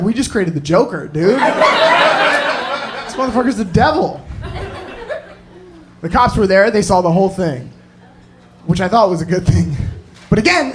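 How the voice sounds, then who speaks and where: A male stand-up comedian telling a story into a handheld mic on a club stage. His pitch leaps around and builds to shouted punchlines. The live recording is noisy.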